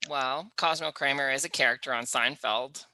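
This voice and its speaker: Canadian guy guest, bright crisp-edged voice, dry sound, short matter of fact answers. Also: medium pitch, normal speed, no room sound. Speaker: interview guest, reality show superfan. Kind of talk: casual chat.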